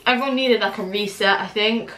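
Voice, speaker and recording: A British woman in her twenties talks in a bright, crisp-edged voice at a middle pitch. She is chatty and slangy, stressing her points as she vlogs over food. The room adds a clear echo around her voice. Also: fairly quick, a little hiss or hum. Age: 20s. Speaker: vlogger chatting while eating. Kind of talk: casual chatty mukbang vlog. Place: small room at home, indoors. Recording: echoey room.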